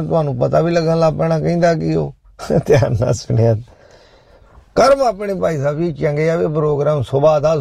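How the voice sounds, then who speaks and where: A middle-aged man hosting a live show, chatting loudly and jokily with listeners and preaching a little between songs. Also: on the high side, vocal fry, no echo. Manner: loud, preachy, jokey, talks directly to listeners. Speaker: show host.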